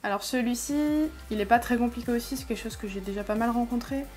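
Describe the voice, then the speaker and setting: Over loud music, a woman with a slightly high voice talks fast as she hosts an English-learning channel. She offers reaction commentary, breaking pronunciation down step by step and thinking aloud while she sounds words out.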